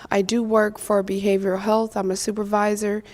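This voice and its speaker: A woman's voice: mid-range voice, level tone, fairly quick, darkish tone. A woman introducing herself confidently on a dating show and promoting her business. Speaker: contestant.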